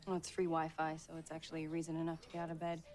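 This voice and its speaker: An actress playing a pushy, cheeky young blogger-reporter in a naturalistic TV drama. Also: female voice, sits low, completely flat delivery, very fast, a little mellow, close to an everyday voice. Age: young adult. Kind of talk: naturalistic film acting.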